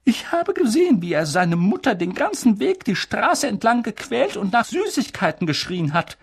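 A reader putting on Professor McGonagall, high and urgent. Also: sing-song, measured pace, slightly rough, exaggerated voice. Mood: indignant. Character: stern older female professor, sharp and agitated. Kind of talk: audiobook character reading.

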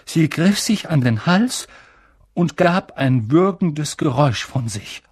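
A slow, expressive audiobook narrator whose pitch moves a great deal through each sentence. The reading is measured and unhurried. It is recorded close in a dry, unechoing space. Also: breathy edge, no echo. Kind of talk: scripted narration.

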